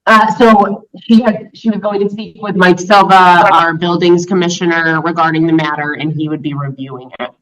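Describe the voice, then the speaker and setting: A woman reporting at a public board meeting, her voice fading in and out over a remote call, with hesitant pauses and fillers. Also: fairly low pitch, steady tone, fairly bright tone. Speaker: town health office staff member. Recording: distant, cutting-out call audio.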